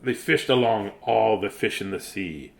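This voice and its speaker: Reading a children's story at bedtime, this middle-aged man uses a lowish, unhurried voice with vocal fry, and a faint hiss or hum sits under the audio. His delivery is goofy and sing-song, interrupted by jokey remarks.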